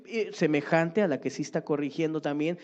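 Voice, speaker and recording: Slightly high and a little fast, this man's darkish voice carries an emphatic sermon. As pastor, he repeatedly checks in with the congregation through brief tag questions to win their agreement. The audio is muffled lo-fi.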